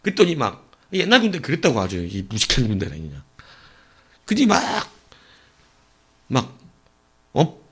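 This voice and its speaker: Male pastor, evening sermon, expressive rising and falling delivery, storyteller. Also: mid-range voice, unhurried, pauses often, slightly rough. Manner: animated storytelling, swinging between loud and hushed; acts out voices of people in his story.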